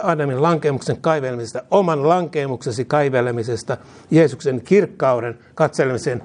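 A man with a fairly high, slightly mellow, husky voice preaches earnestly. He guides the congregation through prayer one line at a time, and they echo each phrase back in call-and-response.

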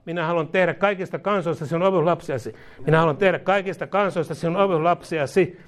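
A man leading a charismatic prayer, repeating each phrase and declaring commands, with bursts of speaking in tongues. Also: on the high side. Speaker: prayer leader.

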